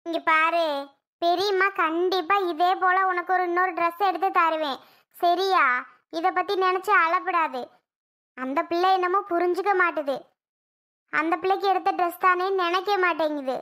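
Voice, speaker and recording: A woman's voice: extremely high pitch, fairly even intonation, moderate pace, pushed and bright. Woman voicing a kind soothing aunt. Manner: soothing, coaxing, motherly. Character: kind middle-aged aunt, soothing and patient. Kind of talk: cartoon voice acting.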